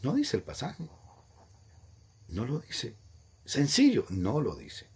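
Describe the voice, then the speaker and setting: A man's voice: medium pitch, huge pitch swings, takes it slowly, a little mellow, a little hiss or hum. A man preaching a Bible teaching sermon, emphatic and repetitive, rising sharply when he quotes scripture. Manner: emphatic, repeats points, rises sharply on quoted lines.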